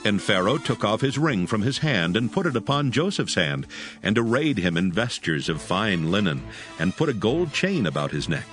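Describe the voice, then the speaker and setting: Guy narrating a bible audio drama, deep and expressive, formal, music under it. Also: moderate pace. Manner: formal, storytelling delivery. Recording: music behind the voice.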